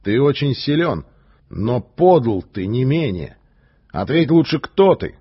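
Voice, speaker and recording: A man voicing a calm, stern and fearless male gymnast who speaks in a firm, commanding way. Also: medium pitch, slow pace, slightly rough, muffled recording, full character voice.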